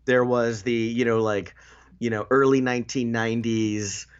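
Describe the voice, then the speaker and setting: A man's voice: medium pitch, steady tone, clean tone, dull audio. A man in a casual movie discussion, joking dryly and restarting his sentences as he talks. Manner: dry, joking, with halting restarts. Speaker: podcast co-host.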